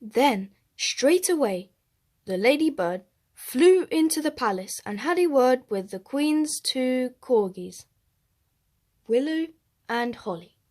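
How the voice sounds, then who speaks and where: A high-voiced woman storyteller reads a rhyming children's story aloud, expressive and placing deliberate emphasis.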